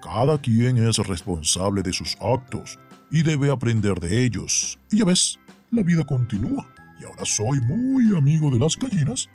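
A narrator puts on a patient male rabbit teacher, speaking in a low, gentle, lecturing tone. The voice moves expressively up and down, like a kindly storybook character giving a lesson. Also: very animated, moderate pace, slightly rough, soft background music.

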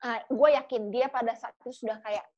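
Animated woman telling a personal story. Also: on the high side, brisk. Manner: animated, acts out quoted dialogue. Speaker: podcast guest, cancer activist. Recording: dull lo-fi recording.

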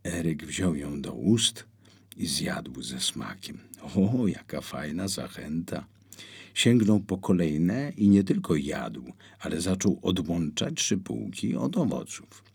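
A man narrating an audiobook with expressive storytelling. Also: takes it slowly, vocal fry, slightly rough. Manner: expressive storytelling with wide swings in pitch.

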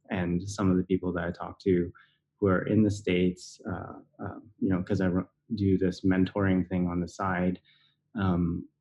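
A man's voice: low-pitched, a little mellow, lo-fi sound. A man speaking hesitantly in a casual conversation, with many fillers as he asks the other person about her experience. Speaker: interviewer.

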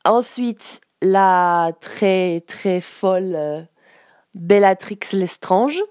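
A woman teaching in a relaxed, unhurried way, pausing often to find her words. Her voice sits at an ordinary middle pitch. The sound is dry and close, with no room echo. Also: smooth. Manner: explains slowly with many hesitations. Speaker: English teacher. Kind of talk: casual spoken lesson.

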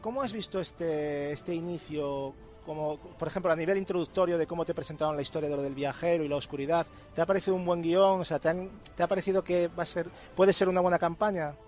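Fast-talking eager man. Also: on the high side, steady tone, darkish tone, soft background music. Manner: fast and eager, asks questions. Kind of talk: casual chat.

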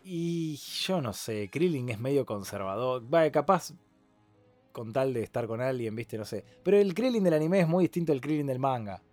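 A man with a Rioplatense accent co-hosting a casual podcast chat, lively and laughing often while acting out quotes. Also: mid-range voice, normal speed, faint music behind. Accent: Rioplatense Spanish. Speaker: podcast co-host.

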